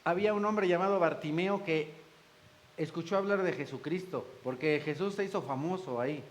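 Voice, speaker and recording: A man's voice: a little high, moderate pace, rough recording. A man preaching a sermon in church, folksy, joking with the congregation and acting out the voices he quotes. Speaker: pastor.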